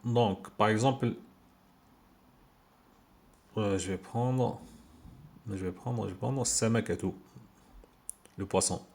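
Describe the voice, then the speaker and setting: A man's voice: lowish voice, takes it slowly, long pauses, a little mellow. A man giving an informal video lesson on Arabic letters, patiently repeating words for learners, recorded on a handheld phone. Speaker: Arabic teacher.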